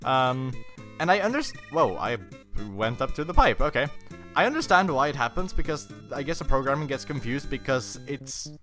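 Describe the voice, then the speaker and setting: A man chatting his way through a video game, rambling and correcting himself as he goes. His voice is bright and lively, bouncing up and down, and quiet game music plays under it. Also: medium pitch, normal speed. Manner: rambling, chatty, many fillers and self-corrections. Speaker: let's player. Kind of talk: casual gameplay commentary.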